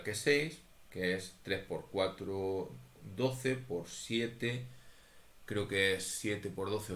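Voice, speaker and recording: A very low-voiced man talks through a statistics exercise at an unhurried, methodical pace. His voice bounces around an echoey room. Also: a bit bright. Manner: methodical, thinks aloud, talks to students. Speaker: statistics teacher. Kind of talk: recorded lecture walking through exercises.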